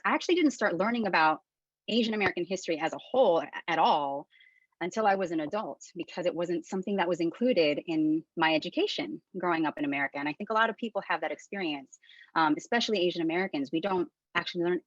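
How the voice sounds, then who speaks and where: A woman's voice: fairly low pitch, no room sound. Woman in her thirties on a muffled call. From Philippines. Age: 30s. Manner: candid and conversational. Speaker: webinar speaker. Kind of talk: informal webinar presentation. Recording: dull lo-fi dry call audio.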